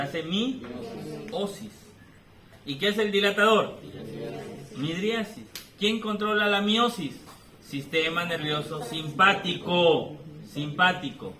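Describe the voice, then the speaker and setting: A man with a Peruvian Spanish accent giving an animated physiology lecture, playfully teasing his students with questions. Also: a little high, slight background noise. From Peru. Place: lecture room. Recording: echoey room, voice from a distance.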